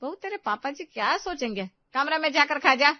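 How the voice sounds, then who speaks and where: Woman voicing a bossy loud mother-in-law, scolding nonstop, highish voice, dry dull recording. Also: lively intonation, a little fast, no room sound. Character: strict bossy middle-aged mother-in-law.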